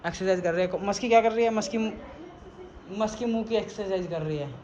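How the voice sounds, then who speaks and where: A man's voice: high-pitched, fast, a little mellow, highs cut off. A young man chatting casually to the camera for his family vlog, talking straight to viewers and teasing his dog. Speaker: vlogger. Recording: noisy handheld phone recording.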